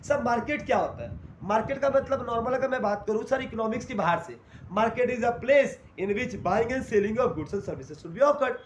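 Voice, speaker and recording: A man's voice: very high voice, normal speed. A man teaching a class in Hindi mixed with English terms, asking questions and answering them himself. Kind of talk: classroom lecture. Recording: echoey room, faint noise.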